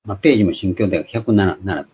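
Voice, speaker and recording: A man preaching a sermon, emphatic and shouting out quoted cries. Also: low voice, fast talker, slight background noise. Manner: emphatic, raises voice sharply for quoted exclamations. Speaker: pastor. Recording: dull lo-fi recording.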